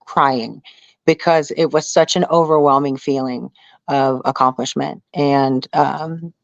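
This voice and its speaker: A woman with a bass voice speaks earnestly as a guest in an interview, recounting her story casually and frequently saying "you know." She is a contestant on a reality survival show. The audio is dull and lo-fi, with no echo.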